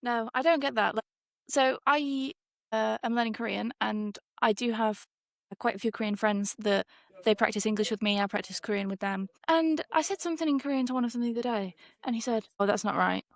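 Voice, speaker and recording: A woman's voice: on the high side, a little fast, no echo, studio quality. A woman co-hosting a podcast in casual chat, a responsive listener who often chimes in. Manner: lively, responsive listener with frequent laughs and backchannels. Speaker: podcast co-host.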